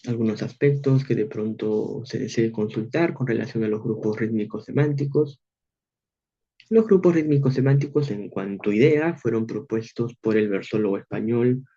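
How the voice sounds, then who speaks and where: A man giving an online university literature lecture, explaining patiently and slowing down to read verse lines with heavy stress. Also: mid-range voice, mellow, lo-fi sound. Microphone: video call.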